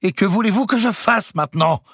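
A raging, thin-skinned young king, put on by a man reading a historical novel. He shouts in a strained, high, husky voice that keeps swooping up and down, dry and close to the mic. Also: expressive, fairly quick, dry recording, exaggerated voice. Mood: shrill, whining. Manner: shouting, indignant, voice cracking high. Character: hot-tempered young king, shrill when cornered.

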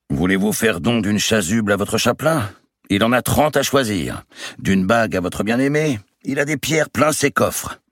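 A man voicing a boisterous giant nobleman, loud, mocking and theatrical, in an audiobook reading. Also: on the low side, no echo, clean studio sound, voice pushed up. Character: boisterous giant male nobleman, swaggering and sly. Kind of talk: audiobook character voice.

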